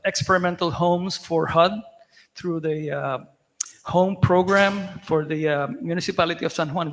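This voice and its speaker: A man's voice: sits high, fairly bright tone. A man, an architect answering at a conference, hesitant with many fillers and restarts. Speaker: architect panelist. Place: conference hall. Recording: echoey hall with long reverb.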